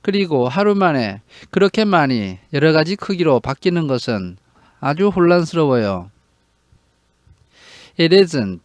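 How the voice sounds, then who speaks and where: Slow, lively-voiced man reading aloud. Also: fairly high pitch, dry recording. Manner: reads each English line very slowly, then translates it. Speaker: English reading teacher. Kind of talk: slow read-aloud lesson with line-by-line translation.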